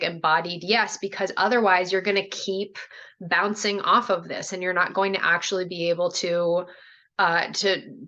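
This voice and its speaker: Speaking as a shaman and spiritual mentor, a woman teaches a group over a video call, casual and animated, sprinkling in lots of "like" and "right?" asides. Her voice is fairly low, and the recording sounds muffled.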